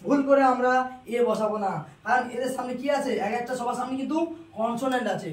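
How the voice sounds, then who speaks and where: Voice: mid-range voice, fairly even intonation, quick pace. An English grammar teacher giving a classroom-style lesson, asking questions aloud and answering them, repeating each rule to drill it in. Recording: roomy echo, distant mic.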